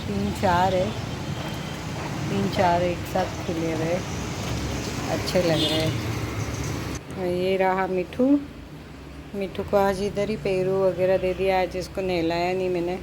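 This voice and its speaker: A middle-aged woman chats through her home vlog at an unhurried pace in a slightly low voice. She sometimes switches to a coaxing, doting tone. The recording is noisy, with household ambience and passing vehicles behind her. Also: level tone. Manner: slow, coaxing talk, sometimes doting baby talk. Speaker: home vlogger and mother.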